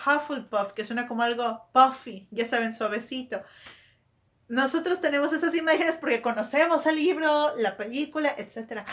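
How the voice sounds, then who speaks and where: A woman talks through her topic like a book vlogger, chatty and quick to correct herself mid-sentence. She keeps throwing rhetorical questions at her viewers. Her voice sits a little on the high side. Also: fairly bright tone. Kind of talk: casual explanatory monologue.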